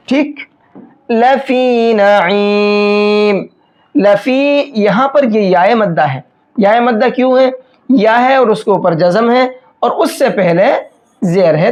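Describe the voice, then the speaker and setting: A man's voice: high-pitched, darkish tone. Patient man teaching recitation, dull lo-fi sound. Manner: patient, repeats rules and checks understanding; stretches out slow recited examples. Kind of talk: step-by-step recitation lesson. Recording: dull lo-fi recording.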